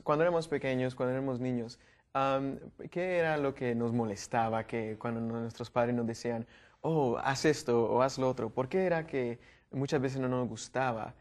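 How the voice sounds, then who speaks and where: A young adult man from Guatemala hosts a youth panel discussion, asking questions with plenty of fillers and restarts. His voice is mid-range and his pace moderate.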